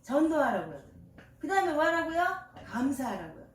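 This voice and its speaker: A woman's voice: high-pitched, big pitch swings, a little fast, a crowd in the background. An older woman pastor preaching a sermon, quizzing the congregation with call-and-response questions and homely, folksy examples. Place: church sanctuary. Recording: echoey church from far off.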